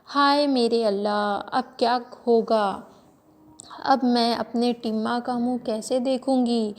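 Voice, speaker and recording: Frantic mother, read by a woman, tearful, wailing, pleading, slow. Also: a little high, steady tone. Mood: distraught. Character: distressed widowed mother, frantic.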